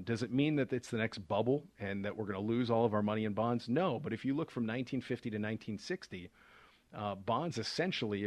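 Man, low voice, dry sound, financial advisor on a radio show, casual explaining, lots of fillers. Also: dry recording. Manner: conversational, with frequent fillers and restarts.

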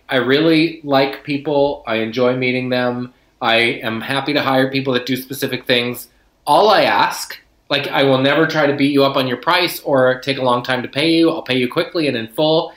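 A man's voice: mid-range voice, a bit bright, roomy sound. A man in casual conversation who makes dry, wry remarks. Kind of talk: casual chat.

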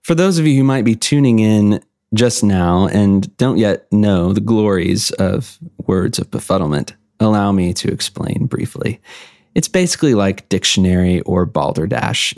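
A man's voice: on the low side, darkish tone, no room sound, studio quality. A man hosting a podcast in a playful, conversational, casual way. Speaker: podcast host. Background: acoustic guitar music.

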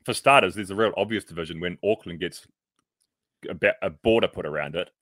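A man's voice: low-pitched, fairly quick, dry recording, clean studio sound. A man with a New Zealand accent, co-hosting a podcast and telling stories in casual, swear-heavy chat. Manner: animated storyteller, swears freely. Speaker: podcast co-host.

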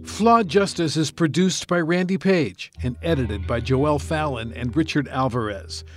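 A man's voice: on the high side, faint music behind. Man narrating an investigative news podcast. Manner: measured storytelling delivery. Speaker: podcast host and reporter. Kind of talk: scripted narration.

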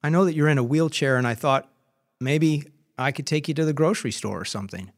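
A man's voice: on the high side, fairly quick, natural voice. A man voicing a firm but caring male rabbi on the phone, speaking earnestly. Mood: gentle.

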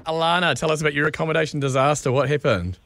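A man's voice: fairly high pitch, steady tone, very fast, vocal fry, fairly bright tone, no room sound. A man with a New Zealand accent hosting a radio show with casual banter. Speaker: radio host.

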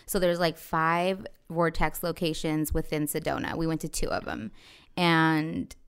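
Smooth-voiced chatty woman. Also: low-pitched, measured pace. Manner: chatty, animated storyteller with frequent laughs. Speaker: podcast co-host. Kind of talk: casual chat.

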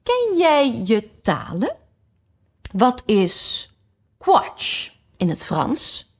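A woman's voice: on the high side, wildly swooping pitch, drawn-out words, pitched above the performer's own voice, heavily acted. A woman playing a stern bossy Red Queen.

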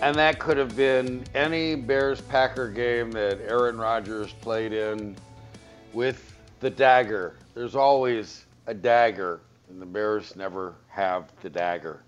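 A man's voice: on the low side, slow, faint music behind. An American man hosting a sports talk radio show.

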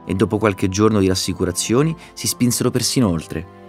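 A man narrating a storybook chapter in a calm, measured reading. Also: lowish voice, soft background music. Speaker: audiobook narrator.

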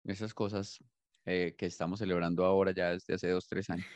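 A man co-hosting a podcast, telling rambling anecdotes in a relaxed way. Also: low voice, a little fast, no echo. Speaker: podcast co-host. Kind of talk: casual podcast chat.

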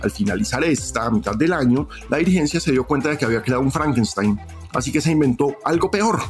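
A man's voice: mid-range voice, expressive, fast. A man with a Colombian accent hosting a podcast, reading scripted football history in a storytelling way. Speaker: podcast host. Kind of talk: scripted sports-history narration. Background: music.

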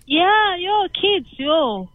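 High, animated woman sales consultant. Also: drawn-out words, phone-quality sound. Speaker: sales consultant selling life cover. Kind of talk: casual sales phone call.

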